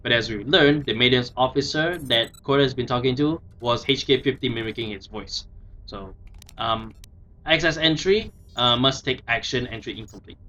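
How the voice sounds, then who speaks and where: A man giving casual game commentary, thinking aloud in a hesitant, halting way. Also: mid-range voice, sharp tone, highs cut off, slight background noise. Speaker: let's play commentator.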